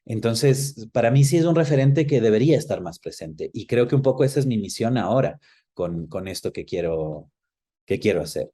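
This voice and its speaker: A man with an Ecuadorian accent, a film professional, speaks reflectively as a guest in a conversational interview, sharing personal recollections and explaining things casually. His voice is on the low side and warm, with lively intonation and a normal speed.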